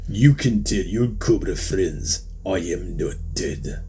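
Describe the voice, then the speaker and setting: A man's voice: low-pitched, slow, dark tone, slight background noise. A man voicing a hot-tempered Russian ex-enemy soldier in a storytelling recap, speaking bluntly with a Russian accent. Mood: taunting.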